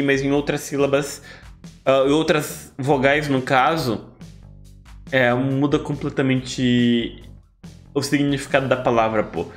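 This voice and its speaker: A young Brazilian man hosting a react video, chatting casually and enthusiastically, rambling with frequent restarts. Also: a little high. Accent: Brazilian Portuguese. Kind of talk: casual chat.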